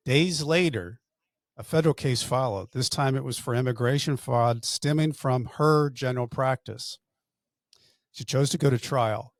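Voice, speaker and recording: A man's voice: mid-range voice, creaky, dry recording, clean studio sound. A man hosting an interview podcast, talking conversationally with fillers and restarts. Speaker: podcast host. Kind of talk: interview podcast with sponsor read.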